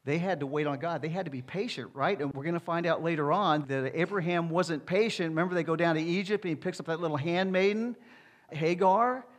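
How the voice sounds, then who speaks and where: A man's voice: on the high side, a little fast. A middle-aged man, a pastor, preaching a conversational sermon with rhetorical asides to the congregation.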